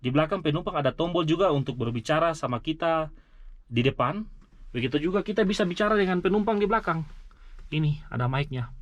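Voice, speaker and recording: Talking fast in a fairly high, expressive voice, a man reviews a truck in a walkaround vlog. He's a mine vehicle driver who explains with enthusiasm, speaking right to his viewers, and the recording is dry.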